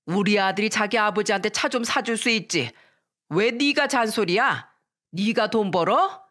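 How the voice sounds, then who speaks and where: A woman's voice: mid-range voice, normal speed, a bit bright, lightly acted. A woman voicing a bossy older mother-in-law who scolds and threatens in a dramatized story reading. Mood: scolding.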